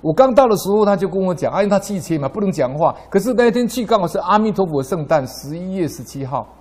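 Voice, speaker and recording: A man's voice: sits high, lively intonation, fast talker, a little mellow. Man giving a Buddhist talk. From Taiwan. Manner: storytelling, voice rising sharply in anecdotes. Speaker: lay Buddhist speaker. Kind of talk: Buddhist dharma talk with anecdotes.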